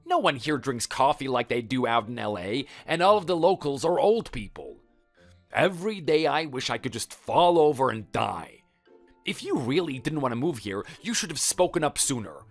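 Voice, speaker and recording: A man playing an angry middle-aged cafe owner in a text-message story, his voice leaping up and down as he accuses, with soft music underneath. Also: medium pitch, very animated, normal speed. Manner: accusing, yelling.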